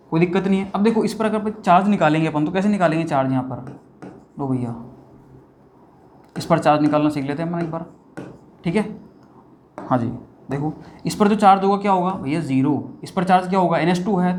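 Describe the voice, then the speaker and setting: A man's voice: on the high side, a little mellow, slight background noise. A man teaching a chemistry lecture, talking conversationally and asking questions he then answers himself. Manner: conversational, asks and answers his own questions, says 'bhaiya' and 'theek hai' often. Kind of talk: whiteboard lecture.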